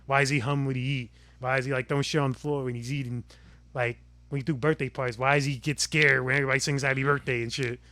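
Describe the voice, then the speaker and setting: A man's voice: level tone, fast talker, sharp tone, dry recording. A young man co-hosting a podcast, rambling through childhood memories with lots of fillers and trailing-off phrases. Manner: rambling, filler-heavy, drops low when thoughtful. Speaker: podcast co-host. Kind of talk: casual chat.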